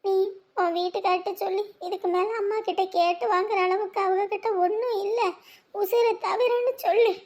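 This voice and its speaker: A woman's voice: very high voice, fairly even intonation, normal speed, darkish tone. A woman playing a worried middle-aged village mother, pleading and lamenting in a family drama. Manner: pleading, scolding, sighing lament.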